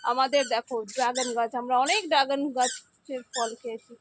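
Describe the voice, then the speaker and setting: A woman's voice: high voice, steady tone, brisk. A woman recording a casual home vlog on a phone outdoors, showing viewers around and often asking them to look and answer questions. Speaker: vlogger. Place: outdoors on a home rooftop garden. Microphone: handheld phone. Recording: handheld phone recording with clear background noise.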